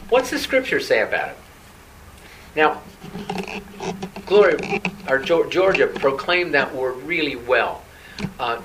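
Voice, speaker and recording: A man's voice: on the high side, a bit bright, recorded from a distance, slight background noise, low-quality recording. A male pastor preaching a sermon in a conversational way, often turning to rhetorical questions.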